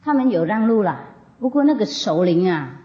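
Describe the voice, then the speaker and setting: A woman spiritual teacher tells a story in a folksy, chatty manner, laughing often. Her voice is mellow and soft-toned, on a dull, lo-fi recording. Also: medium pitch, sing-song, moderate pace.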